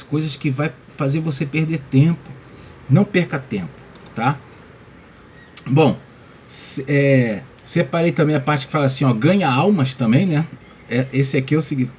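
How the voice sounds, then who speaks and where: With a faint hiss or hum in the background, a pastor's voice comes through on the high side and a little mellow. He teaches a Bible lesson informally, calling people brother and leaning on check-ins like "tá?" and "né?".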